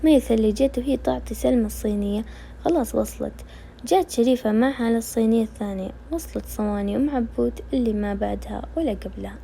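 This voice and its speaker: A woman with a Najdi Saudi accent, reading a novel aloud in a quick conversational storytelling way. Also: on the high side, vocal fry, mellow, a little hiss or hum. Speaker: narrator.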